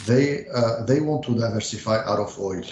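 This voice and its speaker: Middle-aged guy from lebanon, hesitant, roomy muffled sound, faint rumble. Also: darkish tone. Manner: measured, frequent hesitations. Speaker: investment banker guest. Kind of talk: interview answers.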